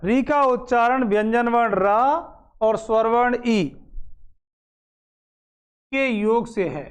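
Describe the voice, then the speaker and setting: A man teaching a grammar lesson, dictating slowly, repeating phrases and asking questions he then answers himself. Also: extremely high pitch, clear, resonant tone. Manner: slow, repeats phrases for note-taking, asks and answers own questions.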